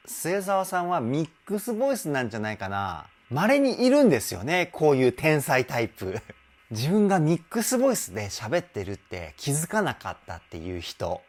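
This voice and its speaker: A man working as a vocal trainer, giving enthusiastic vocal analysis commentary and explaining clearly, with a song playing faintly behind him. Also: mid-range voice. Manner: enthusiastic, explains with sung demonstrations.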